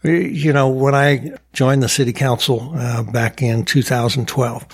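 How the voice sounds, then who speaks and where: A mayor running for county supervisor answers interview questions in an upbeat, proud, boastful way, peppering his speech with "uh." His voice is medium-pitched and slightly breathy, with fairly even intonation and a measured pace.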